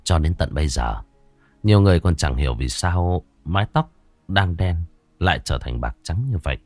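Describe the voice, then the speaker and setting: A man narrating a scripted ghost story in a dramatic, suspenseful way with slow pauses. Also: low voice, lively intonation, darkish tone, no echo, soft background music.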